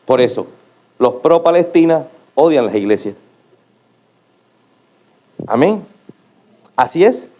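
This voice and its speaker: A male pastor preaching a sermon with emphatic rhetorical questions, swinging between hushed low phrases and loud rising calls. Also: very animated, slow, pauses often.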